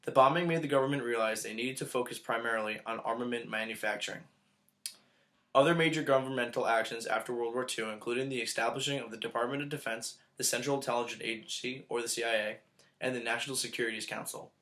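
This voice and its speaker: A man narrates from a script in a formal, report-like manner. His pitch sits in the middle and he reads at a brisk, rapid clip. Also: fairly bright tone. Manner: reading aloud, formal report-like delivery.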